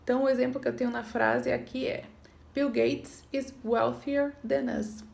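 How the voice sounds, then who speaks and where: A woman's voice: sits high, fairly even intonation, moderate pace, vocal fry, darkish tone. A woman teaching an English grammar lesson, patiently explaining rules and checking in with her students. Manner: patient, repeats points, checks in with "tá bom?".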